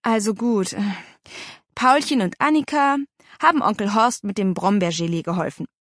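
A woman's voice: mid-range voice, moderate pace, a bit bright, dry recording, studio quality, natural voice. A woman voicing a joking teenage boy, an older brother who teases his sister, in an audiobook. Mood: grumbling. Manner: teasing.

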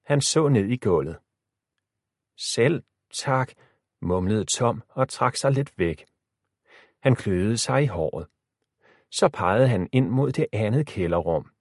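Expressive male audiobook narrator. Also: lowish voice, breathy edge, no room sound, clean studio sound. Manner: expressive storytelling.

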